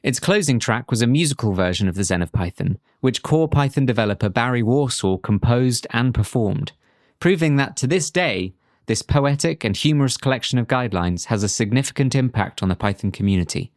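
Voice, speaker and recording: Male instructor voice, even mid pitch, calm scripted delivery with a light touch, dry booth sound. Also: fairly quick, no room sound. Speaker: course instructor. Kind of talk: scripted tutorial narration.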